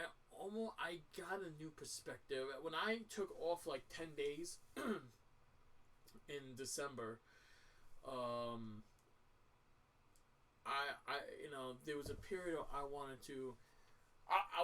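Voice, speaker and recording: Tired man rambling, bright slightly distant voice. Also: fairly high pitch. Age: 30s. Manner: rambling with frequent restarts and stumbles. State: tired, dry throat. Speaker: gaming let's-player. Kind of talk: casual rambling commentary.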